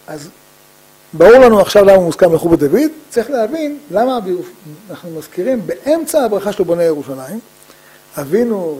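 A man teaching a religious lesson from the pulpit, his voice pitched high for a man yet mellow and soft at the edges. He has a slightly husky, unpolished tone. He poses rhetorical questions, answers them himself, and leans on repeated phrases, with frequent "uh" pauses between thoughts. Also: poor audio. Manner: emphatic repetition of key phrases. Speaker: rabbi giving a Torah lesson.

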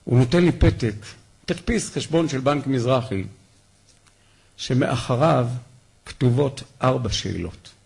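A man giving a memorial talk, telling heartfelt, animated stories about his rabbi. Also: mid-range voice, vocal fry, long pauses, breathy edge.

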